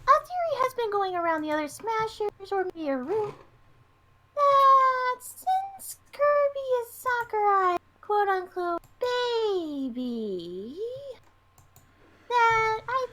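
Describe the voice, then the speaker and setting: A woman voicing a high-pitched game fighter who talks in an apologetic, coaxing way. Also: sing-song, slow, sharp tone, exaggerated voice. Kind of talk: in-character fan voice acting Q&A.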